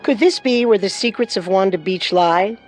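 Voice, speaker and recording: Measured and serious, a female co-host narrates a scripted true-crime programme as music plays behind her, her voice medium in pitch with a darkish tone.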